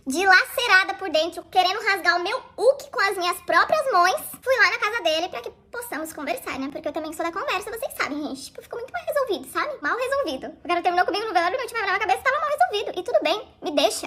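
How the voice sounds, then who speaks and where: Play a young woman dishing out a comic story at a quick clip: bright and dramatic, full of slang. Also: very high voice. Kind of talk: comic first-person storytelling.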